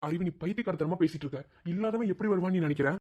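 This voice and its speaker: This is a baffled, worried husband in an animated drama, voiced by a man. He talks quickly and keeps repeating anxious questions. His voice is dark and husky. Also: high-pitched, highs cut off. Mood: reasoning. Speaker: cartoon voice actor.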